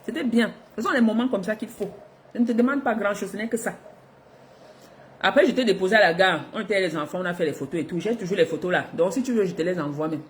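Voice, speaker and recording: A middle-aged woman from Africa, telling a personal story to her viewers in a lively, expressive way, laughing between lines. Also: medium pitch, fast talker, a little hiss or hum. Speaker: vlogger.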